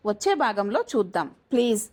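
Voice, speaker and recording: A woman narrating a family story in an even, scripted storytelling manner. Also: medium pitch, a little fast.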